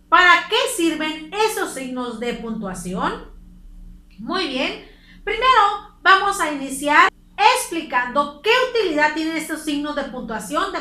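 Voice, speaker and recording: Bright-voiced Mexican teacher in an echoey room. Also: female voice, high voice, slight background noise. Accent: Mexican Spanish. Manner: patient, explains step by step and checks in with the class. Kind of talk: recorded class lesson for children.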